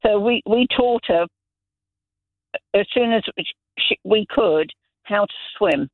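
Speaking slowly and in a high-pitched voice, a middle-aged man from Zambia rings a radio show for a casual phone-in chat. The tinny, dry telephone audio has no room sound, and his long stories are full of restarts.

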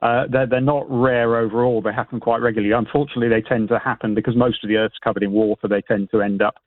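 A British man speaking as an expert guest in a radio interview, explaining informally in a hesitant, halting way with repeated words over a phone line. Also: mid-range voice, fairly even intonation, dry recording. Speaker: astronomy expert and event organiser, radio guest. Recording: band-limited tinny phone line.

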